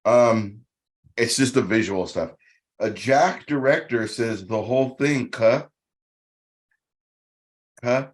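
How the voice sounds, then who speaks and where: A man's voice: medium pitch, unhurried. A man co-hosting a podcast, joking about himself in a casual chat. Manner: jokey, self-mocking. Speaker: podcast co-host.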